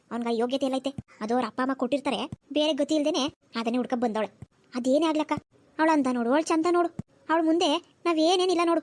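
A woman's voice: high-pitched, a little mellow, lightly acted. A woman voicing a jealous, gossiping aunt in a cartoon, grumbling catty remarks about the wedding. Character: jealous gossiping middle-aged aunt, mother of a son.

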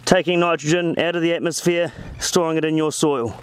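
A man's voice: on the high side, steady tone, a little fast, slight background noise. A man walking through a crop field outdoors, chatting enthusiastically to a handheld camera. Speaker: farm advisor.

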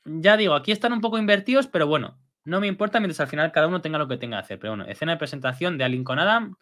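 Chatty guy breaking down an episode, bright voice, bouncy pitch. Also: rapid-fire. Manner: chatty, lively, with frequent fillers and tag questions. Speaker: video host.

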